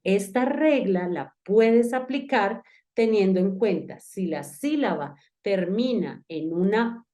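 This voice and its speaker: A woman gives an online English lesson, walking the student through each rule with patient repetition. Her voice is warm and mellow, and she speaks in a friendly, explanatory way straight to the listener. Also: mid-range voice. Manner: patient, explanatory, addresses the student directly and repeats key steps. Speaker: English teacher.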